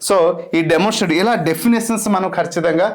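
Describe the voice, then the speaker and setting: A man's voice: sits high, fast talker. A young man with a Telugu accent lecturing as an exam-prep teacher, emphatic and repeating key words.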